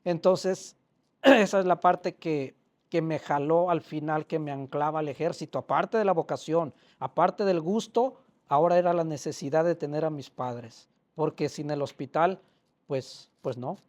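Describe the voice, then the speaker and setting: Older man, slightly high voice, author sharing heartfelt stories with a live audience. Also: measured pace. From Mexico. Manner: emotional, plainspoken storytelling with quoted dialogue. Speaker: author presenting his book. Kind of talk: personal storytelling to an audience. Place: public library hall.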